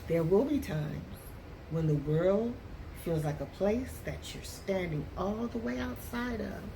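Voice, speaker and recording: A woman reading a picture book aloud as a teacher does for young students, with deliberate, expressive phrasing. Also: medium pitch, creaky, background noise. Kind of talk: expressive read-aloud storytelling for children.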